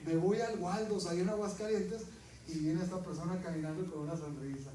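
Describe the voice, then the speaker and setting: A high-pitched male pastor preaches with fervor, calling on his congregation to repeat after him and acting out little dialogues. His voice rings through an echoey church hall, picked up from a distance. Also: steady tone, a little fast, very noisy. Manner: fervent, leads the congregation in call-and-response; acts out prayers and dialogues in shifting voices. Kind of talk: preaching sermon.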